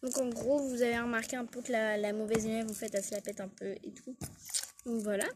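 A woman's voice: fairly high pitch, level tone, a little fast, noisy background. A woman casually narrating a toy role-play story, hesitant with many fillers.

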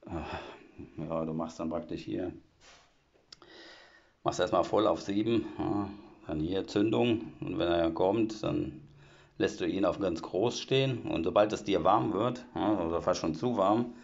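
A man with a very low, gravelly voice chats his way through a home tour, explaining each thing step by step and padding his talk with fillers. The sound is dull and lo-fi, picked up by a phone as he walks around indoors. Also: a little slow, a little mellow. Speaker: vlogger giving a home tour. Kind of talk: casual walkthrough chat. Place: old half-timbered house, indoors. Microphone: phone camera held while walking.

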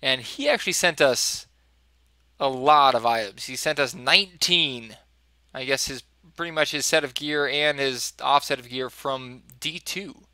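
A man co-hosting a podcast, chatting casually about listener-sent game items in a relaxed way. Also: medium pitch, measured pace, dry recording. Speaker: podcast co-host. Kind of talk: casual gaming chat.

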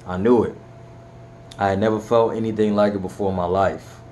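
A man's voice: fairly low pitch, fairly even intonation, fairly quick, a little mellow, slight background noise. A young man earnestly telling his personal faith story in a heartfelt, rambling way, his voice cracking at times. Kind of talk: personal testimony vlog.

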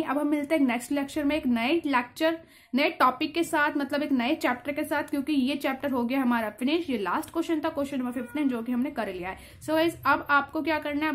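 High-voiced woman teaching accounts. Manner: explains patiently, checks in with "theek hai". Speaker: commerce teacher. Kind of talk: step-by-step lecture.

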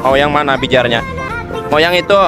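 A man's voice: mid-range voice, brisk, music in the background. A young father, coaxing and playful, repeating questions to his small son while filming a casual family vlog on his phone. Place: shop and street outdoors.

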